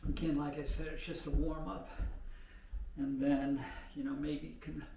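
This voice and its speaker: A man's voice: on the high side, flat delivery, normal speed, gravelly, warm tone. Older guy mumbling his way through a home workout, lots of ums, roomy room sound, mic kinda far off. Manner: rambling, unpolished, thinking aloud with many fillers; talks while moving and exercising. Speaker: home exercise vlogger. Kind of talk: casual talk while demonstrating exercises. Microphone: camera set back from the speaker. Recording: roomy home audio from a distant mic, faint hiss.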